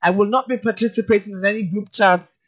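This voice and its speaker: A man in his fifties, co-hosting a radio show with teasing, animated banter. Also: high voice, fast, dull audio. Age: 50s. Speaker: radio co-host.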